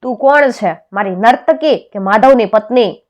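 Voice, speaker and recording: Woman voicing a furious shouting king. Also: a little high, normal speed, voice pushed up, close to an everyday voice. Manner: shouting commands. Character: angry proud male king, harsh ruler.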